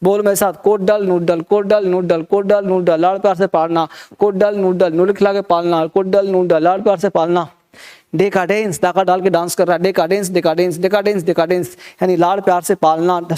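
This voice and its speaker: This man's high voice is a little mellow, clear and resonant as he teaches vocabulary. He leads call-and-response with the class, drilling word tricks through steady, rhythmic repetition.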